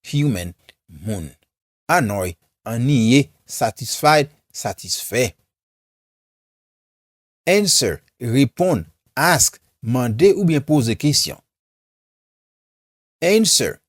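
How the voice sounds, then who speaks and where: A man's voice: medium pitch, slightly rough, no room sound, studio quality. A man with a Haitian accent teaching English vocabulary, saying each word several times and then translating it. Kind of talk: slow vocabulary drill with repetition.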